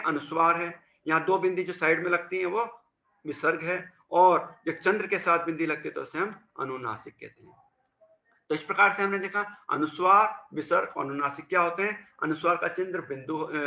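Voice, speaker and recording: A man with a very bright, slightly high voice teaches a class of children. He goes patiently and repeats each sound several times. The room around him is echoey. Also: highs cut off. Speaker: school teacher. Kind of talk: classroom lesson on Hindi grammar.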